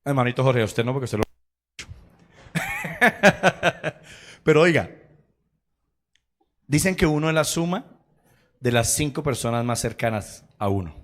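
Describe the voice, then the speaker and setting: A man preaching a sermon in a church, his voice pitched in the middle range for a man. He tells personal stories, slips into acted quotes and laughs along the way. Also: sing-song, measured pace, long pauses, a bit bright. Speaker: pastor.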